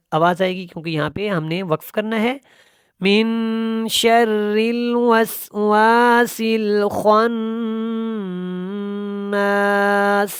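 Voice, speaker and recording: A woman teaching how to pronounce Quran verses in a tajweed lesson. She explains at a brisk pace and repeats correct and wrong pronunciations. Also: medium pitch, dry recording, studio quality.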